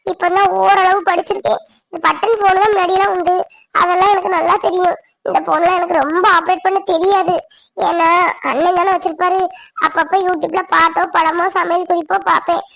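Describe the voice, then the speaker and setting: A woman's voice: very high-pitched, gravelly, heavily acted. A woman voicing a shy, pleading college girl. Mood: timid. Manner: gentle, apologetic, pleading. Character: shy young female college student, timid and pleading. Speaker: cartoon voice actor. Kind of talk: animated village drama voicing.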